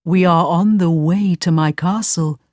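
A woman's voice: on the low side, measured pace, a little mellow, no room sound, clean studio sound, natural voice. A woman reading a storybook voices an earnest, smitten young prince, speaking with a lightly raised voice. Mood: adoring.

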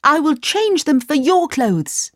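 A woman voicing a simple male farmer in a storybook reading, speaking slowly in a raised voice. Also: sits high, very animated, dry recording, studio quality, pitched above the performer's own voice, full character voice. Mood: offering.

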